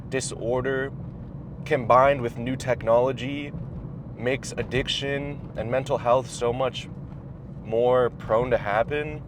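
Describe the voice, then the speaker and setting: A young adult man gives casual, reflective advice while driving and eating, speaking haltingly and thoughtfully with his mouth at times full. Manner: halting, thoughtful, pausing mid-phrase. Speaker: vlogger giving personal advice. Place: inside a car while driving. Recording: clear vehicle and road noise. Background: car and road rumble.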